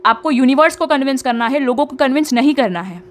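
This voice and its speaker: With a high, expressive voice and a quick pace, a young woman gives chatty spiritual guidance as a tarot reader. She keeps checking in with her audience, mixes in English and adds tag questions often.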